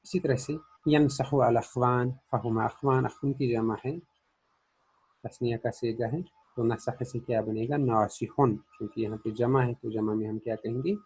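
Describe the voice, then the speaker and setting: Male language teacher, warm and slightly raspy, methodical question-and-answer drilling. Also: medium pitch, steady tone, moderate pace, low-quality recording. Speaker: Arabic grammar teacher. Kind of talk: classroom grammar lesson.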